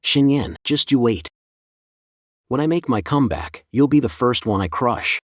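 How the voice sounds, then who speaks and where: An actor playing a greedy, two-faced orchard owner who talks in a pleading, resentful way in a dubbed drama. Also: male voice, medium pitch, lively intonation, normal speed, dry recording, studio quality, lightly acted. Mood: spiteful.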